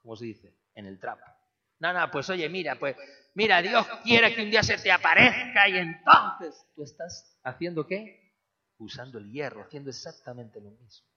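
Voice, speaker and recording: A man preaching a sermon, firing rhetorical questions and swinging between hushed, low passages and loud, emphatic ones. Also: dull audio.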